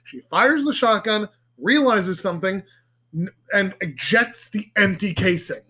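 A man co-hosting a casual podcast chat with friends, animated and profane, rambling through tangents with lots of fillers. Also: measured pace. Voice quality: animated, swears freely, goes high and shrill when laughing. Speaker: podcast co-host. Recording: several people chatting around one mic.

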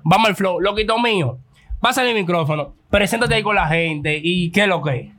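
A man hosting a podcast in casual chat, teasing his guest with quick interjections. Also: high voice, a bit bright. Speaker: podcast host.

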